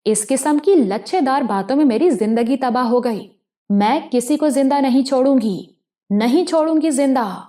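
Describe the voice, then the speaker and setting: A woman's voice: on the high side, mellow, lightly acted. Woman voicing a desperate, unhinged young gangster woman. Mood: frenzied. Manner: tearful, then screaming in a frenzy. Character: desperate young woman gang member, unstable.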